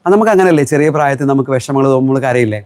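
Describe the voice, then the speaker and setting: Fast-talking man selling live. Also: medium pitch, darkish tone, no room sound. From Kerala. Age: middle-aged. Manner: chatty, reads viewer comments aloud and answers them. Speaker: textile shop owner selling live. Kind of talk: live-stream product selling.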